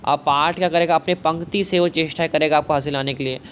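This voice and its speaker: Chatty Hindi-class teacher man, fairly high voice. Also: steady tone, fast, fairly bright tone. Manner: repetitive, asks and answers own questions; fillers of "thik hai" and "bhai". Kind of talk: explaining a Hindi poetry lesson. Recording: faint background noise.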